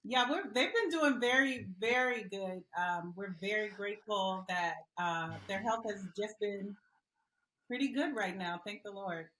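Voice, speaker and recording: A woman's voice: mid-range voice, fairly bright tone, slight background noise. Earnest woman from Liberia, echoey room. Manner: earnest, with many "um" pauses. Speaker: guest, mother and advocate. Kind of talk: interview answers.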